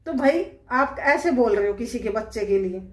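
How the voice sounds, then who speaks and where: A woman's voice: a little high, expressive, moderate pace, roomy sound. A woman vlogger giving indignant casual commentary, talking straight to her viewers with rhetorical questions. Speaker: vlogger commenting on a family dispute.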